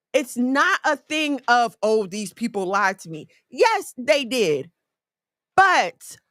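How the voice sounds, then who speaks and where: Woman, forties, chatty faith talk with folksy asides; bright tone, dry close sound. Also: sits high, no room sound. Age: 40s. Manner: conversational, folksy, animated storytelling with asides.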